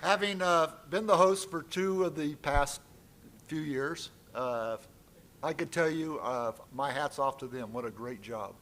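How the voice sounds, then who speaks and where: A man's voice: on the high side, a little slow, fairly bright tone, some chatter behind. A man opening a members' meeting at a conference, speaking off the cuff in a friendly, lightly joking way into a stage microphone. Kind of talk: public address at a conference.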